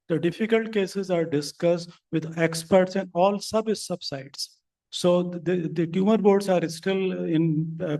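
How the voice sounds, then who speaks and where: A man on a conference panel, speaking in a halting way with restarts. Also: high voice, dark tone, poor audio. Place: conference hall.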